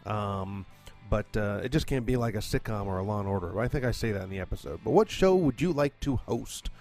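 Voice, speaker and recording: A man's voice: on the low side, lively intonation, fairly quick, a little mellow, faint music behind. A man hosting and producing a comedy podcast from his condo, rambling casually with lots of fillers and swearing. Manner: chatty, profane, rambling with many fillers. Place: condo at home.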